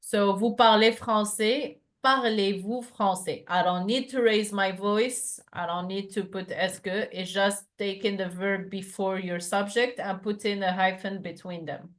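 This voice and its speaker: A woman's voice: medium pitch, fairly even intonation, unhurried, hardly any pauses. A woman teaching a one-to-one lesson over a video call, explaining patiently with many fillers and restarts. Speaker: French tutor.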